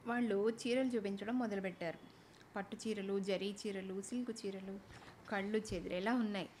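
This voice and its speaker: A woman storyteller narrating a humorous tale in the first person, with a lively telling. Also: medium pitch, normal speed, a little hiss or hum.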